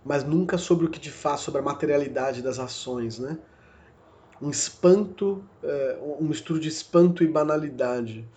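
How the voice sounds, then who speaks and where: A man's voice: a little high, moderate pace, hardly any pauses, darkish tone. A man with a Brazilian Portuguese accent giving a recorded literature lecture, reflective and searching, with many fillers and self-corrections. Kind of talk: recorded university lecture podcast.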